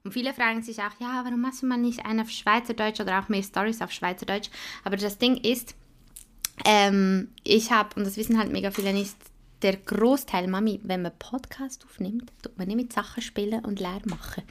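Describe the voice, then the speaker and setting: With a mid-range voice, a steady tone and a moderate pace, the young podcast host chats casually. She's from Switzerland, speaks Swiss German as her first language, laughs often and uses many fillers.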